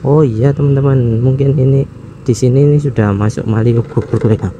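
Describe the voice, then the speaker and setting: Mellow and mid-range, with fairly even intonation, this man's voice belongs to a motovlog host casually narrating a motorcycle ride through city traffic. He chuckles, unhurried, while pondering aloud where to go, with street traffic and engine noise audible behind him.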